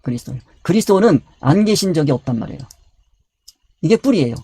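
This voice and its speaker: A man's voice: on the high side, very animated, fast talker, mellow, slightly rough, dry recording. A man preaching a Bible study sermon. He asks questions and answers them himself, and he repeats his key words. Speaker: pastor.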